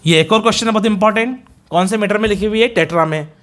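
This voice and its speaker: An Indian man with a Hindi-speaking accent and a voice noticeably high for a man lectures rapid-fire on a poem for a competitive exam, mixing Hindi and English. In steady classroom fashion, he drills students by counting lines and repeating likely questions.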